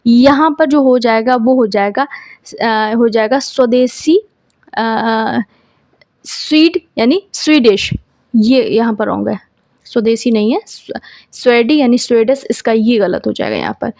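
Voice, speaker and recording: A woman teaches grammar for exam preparation, speaking. Her voice sits a little high. She keeps posing questions and answering them herself, and the recording is close and dry. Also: a little mellow, dry recording. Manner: explains in Hindi, reads English questions slowly, asks and answers herself. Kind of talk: exam-prep grammar lesson.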